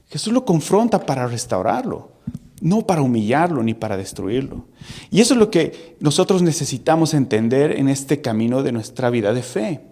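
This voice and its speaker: A man preaching a sermon in an animated way, asking the listeners rhetorical questions and acting out the voices of the people in his story. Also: fairly high pitch.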